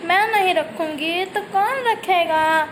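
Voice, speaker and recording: A woman's voice: very high-pitched, takes it slowly, a bit bright, a little hiss or hum, exaggerated voice. A woman voicing a stingy, scheming middle-aged aunt in a homemade family skit, coaxing and bossy. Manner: coaxing then scolding, lazy and selfish.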